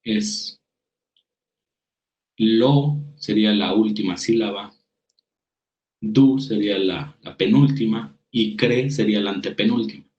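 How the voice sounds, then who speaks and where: A writing workshop instructor with a fairly low voice and a Mexican Spanish accent lectures over slides on spelling rules, slowly and with long pauses. He reads definitions, then explains them through worked examples in a steady teaching manner, often restarting phrases. The highs are cut off.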